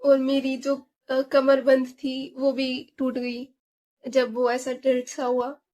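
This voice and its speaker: High-voiced young woman telling a story. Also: takes it slowly. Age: young adult. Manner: animated, mixes Hindi and English, many fillers. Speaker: vlogger. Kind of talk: casual storytelling vlog.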